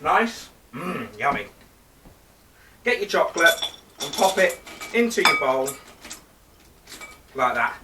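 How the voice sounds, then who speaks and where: A man's voice: on the high side, big pitch swings, slow, pauses often, echoey room, recorded from a distance, noisy background. Chatty man hosting a kids' cooking show. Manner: chatty, playful, talks straight to children and teases a companion. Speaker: children's show presenter. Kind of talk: live cooking demonstration for kids. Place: theatre stage.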